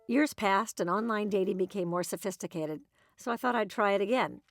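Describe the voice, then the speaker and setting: A woman's voice: mid-range voice, a little fast, creaky, no room sound, faint music behind. A woman narrating her own documentary in a wry, dry storytelling manner.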